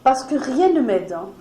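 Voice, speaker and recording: A woman with a foreign accent in French leads an earnest spiritual talk for a small audience in a meeting room, speaking conversationally with fillers. Her voice sits high with big pitch swings, a slow pace and a mellow tone. The room is echoey, with faint noise.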